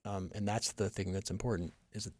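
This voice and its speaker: A man's voice: lowish voice, steady tone, brisk. A middle-aged man hosting a podcast interview, talking in an earnest, reflective way and often checking for agreement. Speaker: mayor and podcast host. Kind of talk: casual interview conversation. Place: podcast studio.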